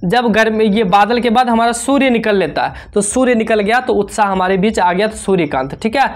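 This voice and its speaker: A woman's voice: mid-range voice, fairly quick. A woman teacher, running an exam revision lesson. She keeps asking questions and answering them herself, repeating the key points. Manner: repetitive, asks and answers own questions.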